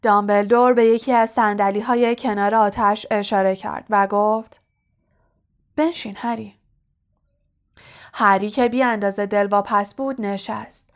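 A woman narrating a storybook audiobook in a steady, measured reading voice. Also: medium pitch, smooth.

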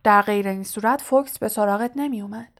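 A woman reading the lines of a wise, kindly old male headmaster in a storybook audiobook, in a calm, soft-spoken way. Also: medium pitch, close to an everyday voice. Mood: gentle, kindly.

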